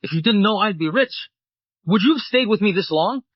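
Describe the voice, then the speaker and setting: A man's voice: high-pitched, lively intonation, brisk, no room sound. A man dubbing a cold, self-serving young groom. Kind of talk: English drama dub. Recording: dull dry studio dub.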